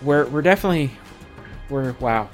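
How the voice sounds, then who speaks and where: A man's voice: medium pitch, expressive, normal speed, soft background music. A North American man hosting a podcast, chatting casually in a jokey, rambling way with stammered restarts. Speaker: podcast host.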